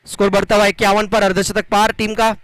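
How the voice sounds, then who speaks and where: A man gives live cricket commentary and announcements in a dramatic, flowery manner with drawn-out emphasis. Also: high-pitched, flat delivery, a bit bright, no echo, rough recording.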